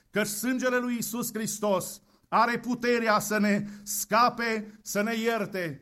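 A man preaching an Easter sermon, with a fervent, repetitive cadence and slow, deliberate emphasis on key phrases. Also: sits high, a bit bright.

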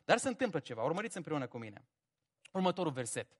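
A man preaching a sermon, humorous and animated, swinging from quiet reflection to loud emphasis. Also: on the high side, slightly rough. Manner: animated and humorous, acting out biblical characters.

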